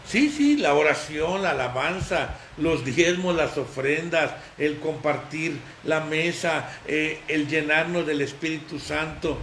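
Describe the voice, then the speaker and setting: A man preaching an informal, emphatic sermon, repeating phrases and chatting with those near him. His voice sits high and sounds bright. It is recorded in an echoey room with faint noise. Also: takes it slowly, few pauses. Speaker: pastor.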